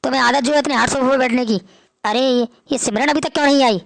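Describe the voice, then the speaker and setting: A woman's voice: sits high, fast talker, creaky, no room sound. A woman playing an arrogant, boastful rich son-in-law in a family drama, bossy and scornful. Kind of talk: Hindi family drama acting.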